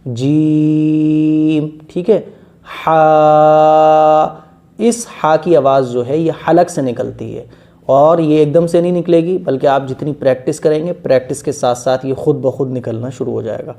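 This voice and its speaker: A man with a creaky, dark, medium-pitched voice gives a beginners' Quran reading lesson. He patiently explains how the letters sound, drawing each one out long in a single breath.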